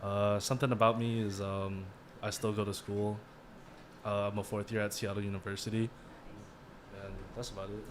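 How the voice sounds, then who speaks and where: 21 yr old college guy, low flat voice, slow and hesitant, um uh. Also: background noise. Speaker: university student, podcast guest. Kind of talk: casual self-introduction.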